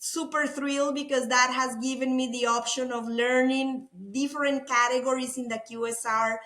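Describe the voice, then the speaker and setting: A middle-aged Costa Rican woman, a food innovation executive, speaks as a guest in a conversational interview with a Costa Rican Spanish accent. She is enthusiastic and effusive and repeats words. Her high-pitched, pushed and bright voice holds a steady tone at a moderate pace, in a roomy-sounding space.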